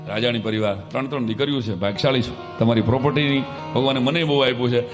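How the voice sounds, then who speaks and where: A man telling humorous stories on stage to a wedding crowd, lively and quick to switch into character voices, recorded through a stage microphone. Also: mid-range voice. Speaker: folk comedian performing at a family wedding event. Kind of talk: humorous stage storytelling to a live audience. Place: large event hall with an audience. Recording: reverberant hall, faint music behind.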